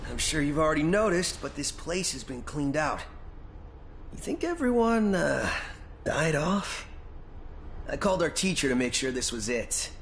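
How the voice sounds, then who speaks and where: A man's voice: a little high, big pitch swings, normal speed, vocal fry, a bit bright, slight background noise, heavily acted. A young American man voicing a brash, grumbling, slangy student in a video game. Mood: grumbling, uneasy.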